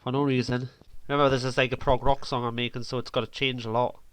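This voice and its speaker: A man's voice: mid-range voice, level tone, fast talker, heavy background noise. A man vlogging while he edits a track, rambling playfully and mouthing out beat sounds as he goes. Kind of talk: casual commentary while editing music.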